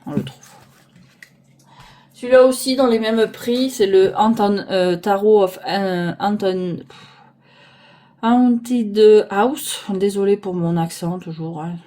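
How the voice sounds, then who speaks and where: Speaking with a medium pitch, a measured pace, fairly even intonation and a dark tone, a tarot deck reviewer casually talks through her decks. She rambles and pauses aloud to find names, filmed by a phone on a holder arm.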